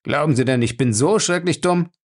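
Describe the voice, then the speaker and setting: A man's voice: fairly high pitch, fairly quick, voice pushed up. A man playing a sulky cowardly man. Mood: sulky whining. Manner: sulky, complaining. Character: whiny defiant cowardly man.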